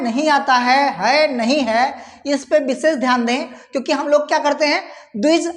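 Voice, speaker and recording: An Indian woman teacher leads an exam-prep lesson, going through exam questions, reading out the options and repeating key words. Her voice is high, and the recording has a long reverb tail.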